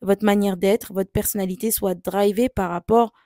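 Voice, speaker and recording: A woman's voice: mid-range voice, fairly even intonation, normal speed, warm tone, no room sound, studio quality. A woman hosting a motivational podcast, talking casually with many fillers and repeated phrases after an upbeat scripted intro. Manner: scripted upbeat intro, then looser talk. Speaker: podcast host.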